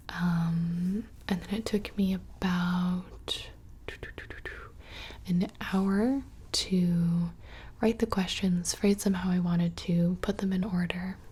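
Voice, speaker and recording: Speaking close to a studio mic, a young woman makes an ASMR video, whispering in a casual way as she rambles through a series of questions. Her lowish voice is husky with a darkish tone.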